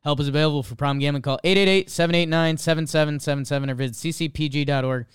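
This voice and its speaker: A male host reading scripted ad fine print as a very fast legal disclaimer. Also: a little high, fairly even intonation, smooth, dry recording, studio quality. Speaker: show host.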